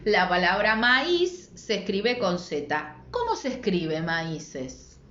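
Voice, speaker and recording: This Argentine-accented secondary school language teacher has a medium-pitched, very animated, slightly bright voice and takes her time. She explains spelling rules in a patient, didactic manner, using rhetorical questions to check in. Slight background noise, an echoey room and dull lo-fi sound mark the recording.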